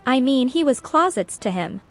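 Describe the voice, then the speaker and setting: A woman's voice: sits high, animated, normal speed, soft background music. A woman streamer chatting casually while playing a video game. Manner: chatty, musing aloud. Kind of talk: casual gameplay commentary.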